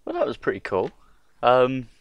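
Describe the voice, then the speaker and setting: A man's voice: medium pitch, wildly swooping pitch, normal speed, vocal fry, no room sound. A man hosting a game video with casual commentary.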